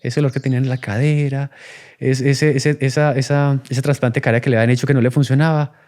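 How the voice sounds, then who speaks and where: A man's voice: medium pitch, level tone, fast, darkish tone. Man, podcast guest, reflective talk, acts out examples. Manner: acts out child and adult voices in examples. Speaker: podcast guest speaking on conscious parenting. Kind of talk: reflective conversational explanation.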